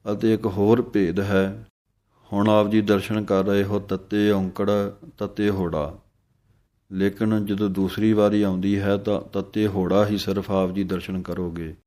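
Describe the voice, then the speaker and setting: A man gives a recitation lesson. His voice is very deep and flat, and he speaks slowly and deliberately. He stops after each recited line to explain it. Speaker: Gurbani pronunciation teacher. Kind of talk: slow, careful recitation lesson.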